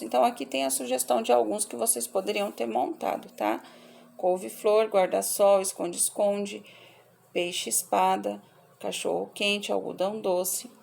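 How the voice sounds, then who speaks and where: A woman teacher reads out and corrects workbook answers for children in a slow, patient way. Her voice has a strong gravelly fry, and she goes through the word lists one at a time. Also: medium pitch, darkish tone. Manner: slow, measured listing of words for pupils.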